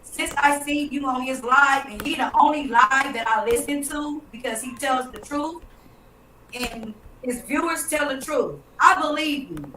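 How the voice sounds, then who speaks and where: A woman's voice: high-pitched, unhurried, roomy sound, distant mic, noisy background. A woman from Los Angeles calling in, earnest and supportive. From Los Angeles, California. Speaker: caller.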